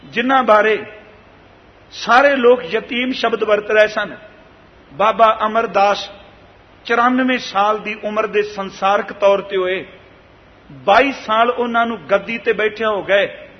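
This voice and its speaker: A man giving a devotional sermon to a congregation, chanting scripture lines slowly and addressing listeners as beloved ones. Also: high voice. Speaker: Sikh preacher giving katha. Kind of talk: devotional sermon with recited verses. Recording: dull sound with long hall reverb.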